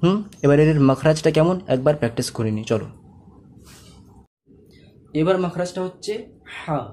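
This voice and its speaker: A man, teaching a pronunciation lesson and patiently repeating each sound slowly for learners to copy. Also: fairly high pitch, expressive, warm tone. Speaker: Quran reading teacher.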